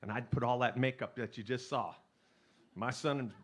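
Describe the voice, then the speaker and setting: A middle-aged man from California telling jokey stories to a live audience on stage, chatty and animated, with restarts. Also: mid-range voice, normal speed. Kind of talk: stage storytelling with jokes.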